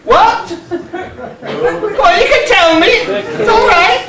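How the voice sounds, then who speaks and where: A man's voice: very high-pitched, drawn-out words, creaky, a crowd in the background, full character voice. A man playing a cheeky pantomime dame cook, a bossy middle-aged woman with a put-on Scottish accent, teasing the audience on stage. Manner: brash, teasing, banters with the audience. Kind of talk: amateur pantomime stage acting. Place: village hall stage with live audience. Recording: echoey hall, far mic, audience noise.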